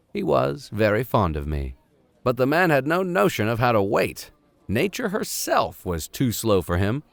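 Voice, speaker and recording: Reading a classic novel aloud as host, a man peppers the formal text with irreverent, slangy improvised jokes. His voice is mid-range with vocal fry, and the recording is dry.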